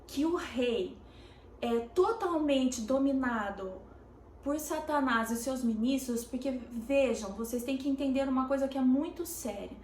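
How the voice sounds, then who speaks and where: A Brazilian woman pastor preaches in a high voice, taking her time with pauses and fillers before pressing hard on key words. Her sermon rings with a roomy echo, and faint noise sits underneath. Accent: Brazilian Portuguese. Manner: deliberate, halting, with many pauses and "é" fillers. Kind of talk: sermon, streamed teaching.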